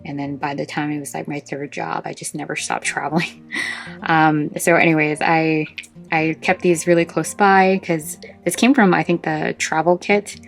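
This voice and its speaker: Casual vlog host, female, low register with vocal fry, short of breath, chatty and meandering, soft guitar underneath. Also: steady tone, normal speed. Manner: chatty and informal, meandering with asides. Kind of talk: casual chat showing a craft collection.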